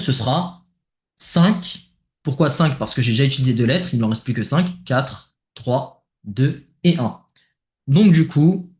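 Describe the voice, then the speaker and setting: A man with a French accent talking casually through a math exercise step by step, thinking aloud with many fillers. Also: medium pitch. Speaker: math tutor. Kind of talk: worked exercise explanation. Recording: echoey room.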